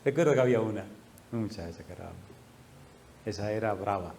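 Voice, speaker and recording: A male pastor preaching a sermon, telling a story with lively laughter and acted-out voices. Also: lowish voice, fast talker, a little hiss or hum. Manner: animated, laughing, acting out quoted voices.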